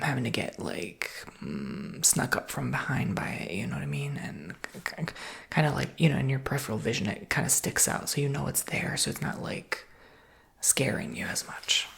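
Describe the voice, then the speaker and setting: Low-pitched and whispering, a woman delivers soothing, casual sales patter for an ASMR roleplay, her breathy voice tinged with creak.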